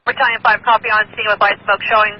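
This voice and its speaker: A man's voice: high-pitched, little pitch movement, quick pace. A man working as a fire dispatcher, giving clipped acknowledgements over a dull lo-fi radio. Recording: dull lo-fi radio, faint noise.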